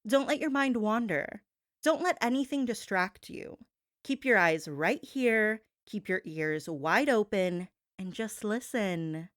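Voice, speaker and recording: A woman performs a gossip-show monologue as its host, sassy and theatrical, drawing out words for dramatic emphasis and calling the listener "babe." Her mid-range voice is expressive. The sound is clean studio quality with no echo.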